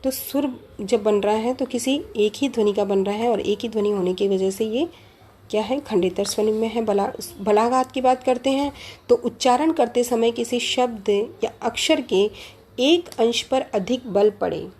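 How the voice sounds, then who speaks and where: A woman's voice: on the high side, normal speed, a little mellow, slight background noise. A woman teaching a lecture on language, explaining step by step, repeating key terms and asking rhetorical questions. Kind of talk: lecture on Hindi phonology.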